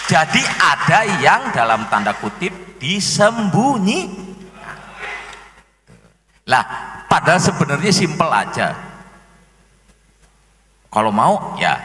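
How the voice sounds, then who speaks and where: A man, an expert giving an explanatory talk at an Islamic forum, animated and fond of acting out the people he quotes. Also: high-pitched. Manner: animated, acts out quoted speakers in dialect. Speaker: DNA expert speaker. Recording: echoey hall with long reverb.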